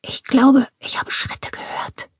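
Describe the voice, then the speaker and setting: A woman's voice: slow pace, no echo, in a whisper, studio quality, lightly acted. Woman voicing a jittery young burglar. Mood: panicked. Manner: anxious, pleading, words tumbling out. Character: nervous young male burglar, jittery sidekick.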